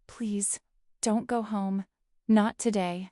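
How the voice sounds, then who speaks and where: A woman voicing a frail elderly woman who pleads in a shaky, breathy voice. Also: a little high, slow, no echo, studio quality. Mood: urgent pleading.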